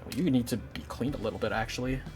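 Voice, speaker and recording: A man's voice: medium pitch, quick pace. A young man chatting casually on a live stream while building a model kit, rambling and swearing lightly. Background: faint game music.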